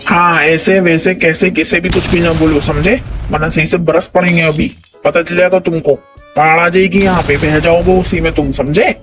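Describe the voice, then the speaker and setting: A man's voice: fairly high pitch, fairly even intonation, normal speed, close to an everyday voice. Man doing a taunting quarrelsome cartoon man. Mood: scolding. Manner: taunting, scolding, keeps asking "samjhe?". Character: quarrelsome bossy man scolding a coworker. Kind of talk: animated comedy dialogue. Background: background music.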